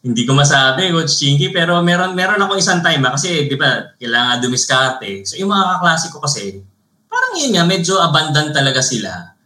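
Brief: a man with a Filipino accent, animated guest storyteller, bright and somewhat high, recorded in a roomy space. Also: brisk. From Philippines. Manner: animated storyteller, mixes Tagalog and English, tags phrases with "no?". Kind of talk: casual interview storytelling. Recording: roomy echo.

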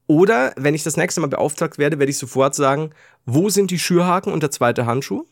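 A man co-hosting a podcast, telling a story in casual chat, animated and laughing, acting out his own panic and dropping to a hushed mutter for quoted thoughts. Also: on the high side, a little fast, creaky, no echo, clean studio sound. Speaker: podcast co-host.

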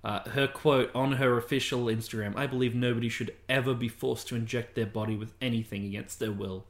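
A man's voice: medium pitch, fairly even intonation, brisk. A man speaks casually as a podcast co-host, and his voice rings in an echoey room. He makes blunt, dry remarks and rattles off lists in a matter-of-fact way. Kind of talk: casual chat about games and films.

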